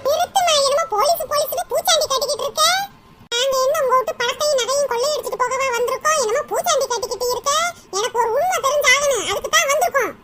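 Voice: very high voice, fast talker, sharp tone, faint music behind. A voice actor playing a blunt, bossy village woman in a cartoon comedy, mocking and scolding.

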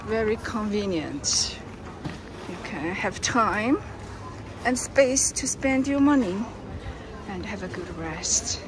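A woman narrating a casual walking tour as a travel vlogger, speaking in slow, halting, simple phrases while walking through a large airport terminal on a camera mic. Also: mid-range voice, animated. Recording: busy terminal noise behind.

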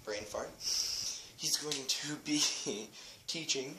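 A man's voice: medium pitch, extremely slow. A young man giving a rambling, self-mocking channel update while out of breath, talking through a built-in device mic. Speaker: channel host. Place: small room with echo. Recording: echoey room, faint hiss.

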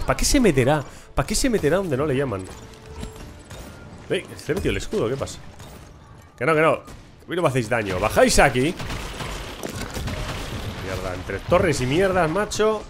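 A young man from talks over his own match in a voice that leaps between highs and lows, often yelling without meaning to. He sits a little high for a man, and soft game music runs underneath. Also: brisk, pauses often. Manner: shouty, excitable, swears and laughs at himself. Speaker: gameplay streamer. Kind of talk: excited live gameplay commentary.

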